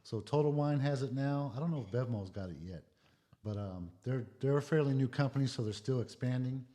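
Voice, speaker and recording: Man, casual podcast guest, relaxed storyteller, swears a lot, mid-pitched. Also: fairly quick. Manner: laid-back storytelling, frequent swearing. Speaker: guest, drinks content creator.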